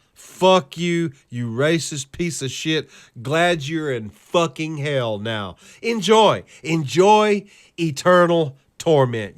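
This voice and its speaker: A man hosting a current-events video, ranting with profane, scornful and sarcastic commentary over clips, reading lists in a steady cadence. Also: medium pitch.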